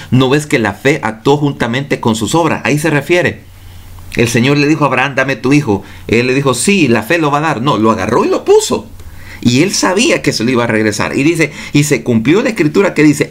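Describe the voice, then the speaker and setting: A man's voice: mid-range voice, a bit bright. A male pastor preaching a sermon, reading scripture aloud and putting rhetorical questions straight to his congregation. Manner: addresses listeners directly and reads scripture aloud.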